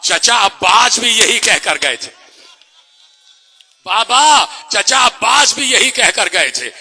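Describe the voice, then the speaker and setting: A man voicing a small girl who pleads and cries for her father, in high, sobbing cries. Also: very animated, sharp tone, slightly rough, heavily acted. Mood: wailing.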